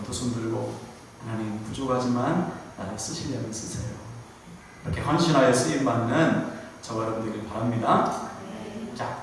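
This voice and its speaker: A male guest pastor delivers a lively sermon, slipping into different voices for quoted speech. His fairly high voice rings out across a large, echoing church hall. The mic sits far off, and faint room noise lies under the speech. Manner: animated preaching, acting out God's and Moses' words in quoted voices. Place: church sanctuary. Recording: echoey church hall picked up from a distance.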